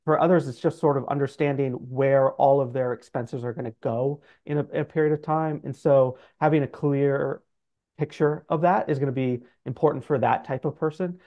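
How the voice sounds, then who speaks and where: A middle-aged man, a financial adviser guesting on an interview, talks steadily at normal speed with a medium-pitched voice. Calling in by video from his office, he explains loosely and informally with plenty of "like" and "sort of," and the sound is dull.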